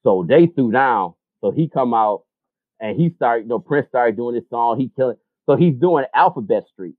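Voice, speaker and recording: Man, casual storyteller, swooping animated pitch, profane, dry tinny phone-like sound. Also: normal speed, no echo.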